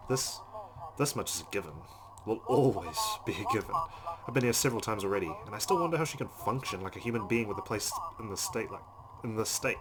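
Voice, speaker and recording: A let's play host with a fairly low voice reads visual novel narration and adds asides. Loud background noise accompanies him, and the recording is rough.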